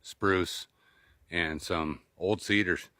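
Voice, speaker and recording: A man with a deep voice talks in short, winded bursts as he trudges through snow on snowshoes. His casual vlog narration has a forceful, bright edge. It is recorded outdoors with faint noise around him. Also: steady tone, extremely slow. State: winded from exertion. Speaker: outdoor vlogger. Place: outdoors in snowy woods and fields.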